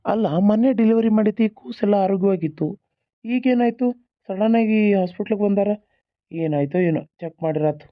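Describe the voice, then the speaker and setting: A woman voicing a kindly village doctor who speaks gravely and soothingly, with a North Karnataka Kannada accent, in a cartoon serial. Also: mid-range voice, brisk. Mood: concerned. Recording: lo-fi phone-like sound.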